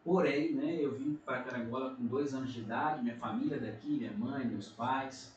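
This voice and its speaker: A middle-aged pastor from Minas Gerais, speaking with a Brazilian Portuguese accent, gives an earnest testimony in a casual podcast chat, frequently using tag questions. His mid-range voice moves at normal speed, recorded with a distant mic in an echoey room, with faint noise and the highs cut off.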